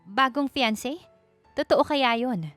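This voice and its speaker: Picture an audiobook scene with a shy young heiress, voiced by a woman narrator, her tone soft and pleading. The voice sits a little higher than the narration and sounds dry and close. Faint music plays underneath. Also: expressive, slow pace, no room sound, exaggerated voice. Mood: tearful.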